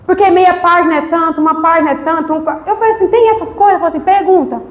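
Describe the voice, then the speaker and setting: In a church service, a deaconess from Brazil preaches a testimony sermon in an extremely high, very fast voice, acting out conversations as she tells her story with animation. The recording is rough and reverberant.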